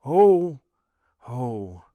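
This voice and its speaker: A man reading aloud, voicing a frightened young noblewoman who stammers and pleads in a raised, drawn-out voice. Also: mid-range voice, very animated, dry recording, narrow, tinny audio, natural voice. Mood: terrified, pleading.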